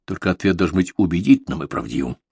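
A man's voice: low voice, expressive, very fast, gravelly, darkish tone, husky, no echo, heavily acted. A man reading a ruthless masked male crime boss in an audiobook, with a cold, commanding delivery.

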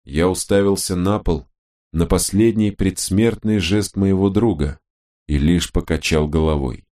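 A man giving a first-person audiobook narration in a measured, even reading style. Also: low-pitched.

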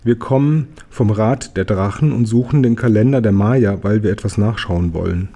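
A man's voice: fairly low pitch, normal speed, dark tone. Man voicing a curious young dragon. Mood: friendly. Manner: eager, questioning. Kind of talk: storybook read-aloud.

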